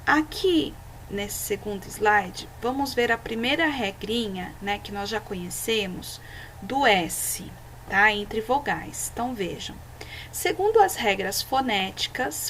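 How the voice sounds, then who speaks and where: A woman's voice: a little high, slight background noise, rough recording. A woman, a teacher giving a recorded slideshow lesson for children, patient and didactic, checking in often with her listeners. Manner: slows down and stresses words when reading examples aloud.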